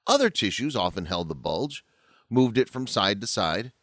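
A man reading a scripted story as narrator, in an expressive, lively way. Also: fairly low pitch, moderate pace, dry recording, clean studio sound.

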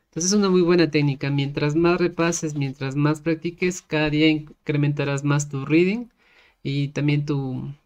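An English teacher giving a casual lesson in Spanish, explaining a method step by step and slowly sounding out English words. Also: medium pitch, steady tone, darkish tone.

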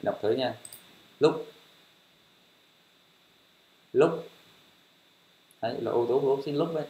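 A man's voice: mid-range voice, quick pace, dark tone, muffled recording. A man teaching English pronunciation, repeating each word several times in a patient, encouraging way. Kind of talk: language lesson, drilling words. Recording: roomy echo.

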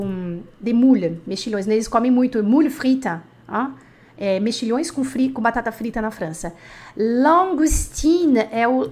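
A woman teaching a live online lesson, chatty, asking the class questions and repeating words slowly. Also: a little high. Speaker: French teacher.

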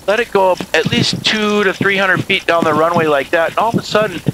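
Older instructor over a roaring biplane engine. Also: male voice, high-pitched, fairly quick. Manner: calm, patient coaching. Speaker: flight instructor. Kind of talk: in-flight instruction over intercom. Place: open cockpit of a biplane, outdoors. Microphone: headset intercom. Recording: cockpit intercom with loud engine noise. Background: roaring propeller engine.

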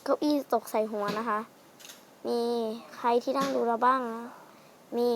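A woman's voice: a little high, fairly even intonation, unhurried, slight background noise. Playful young woman chatting over gameplay. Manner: rambling, playful, polite sentence endings. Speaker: game channel host. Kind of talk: casual chatty gameplay commentary. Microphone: headset mic close to the mouth.

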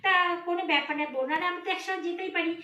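A woman vlogger chatting casually with her viewers, animated and teasing. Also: extremely high pitch, rapid-fire, echoey room. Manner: animated, scolding and teasing by turns. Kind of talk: casual vlog chat addressed to viewers.

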